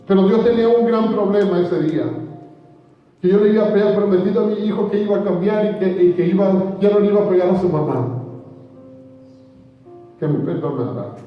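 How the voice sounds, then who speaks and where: A man with a high voice gives an earnest church testimony, repeating phrases and speaking straight to the congregation. He is heard from far off in a large hall with heavy echo and a long reverb. The sound is muffled, with music playing faintly behind. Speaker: speaker giving a conversion testimony.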